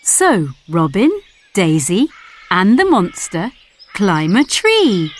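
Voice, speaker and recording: A woman reading a children's story aloud at a very slow, gentle pace. Her voice sits at a middle pitch, clear and unhurried, with faint noise behind it. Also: sing-song.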